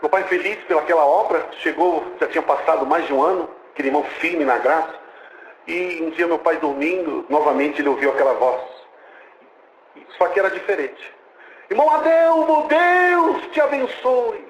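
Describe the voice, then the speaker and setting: A man's voice: on the high side, fairly quick, roomy sound, slight background noise, low-quality recording. A Brazilian man preaching a testimony, telling the story with animation and acting out the dialogue. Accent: Brazilian Portuguese. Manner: animated storytelling, acts out dialogue, exclaims praise.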